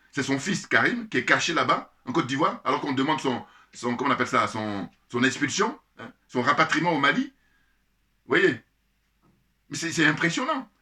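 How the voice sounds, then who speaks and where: Guy ranting about politics, bright forceful voice, keeps laughing, lots of euh and restarts. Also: mid-range voice. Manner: animated, indignant, laughs often, many fillers and restarts. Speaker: political commentator. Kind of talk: casual spoken commentary.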